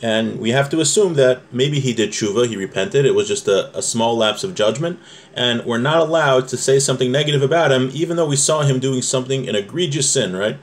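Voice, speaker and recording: A man with a mid-range, expressive voice teaches a religious law class, talking a little fast. In an informal lesson he reads a source aloud and explains it step by step, conversationally, with rhetorical questions.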